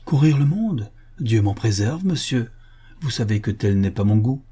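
A man reading the part of a resolute seventeen-year-old wife, raising his voice into a lighter, higher register. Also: lively intonation, moderate pace, dark tone, husky. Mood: cool resolve. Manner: resolute, raised pitch. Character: spirited young wife, seventeen, defiant. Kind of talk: audiobook character reading.

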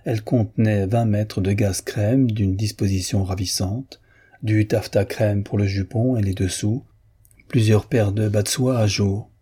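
A man with a low, slightly husky voice narrates a novel at an even, measured pace. His tone is dark and mellow, with a steady literary reading style that suits an audiobook.

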